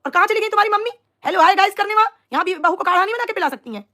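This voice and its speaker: Young woman on a live stream, chatty and teasing, talks super fast. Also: very high voice, lively intonation, bright, forceful tone. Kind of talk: casual live stream chat.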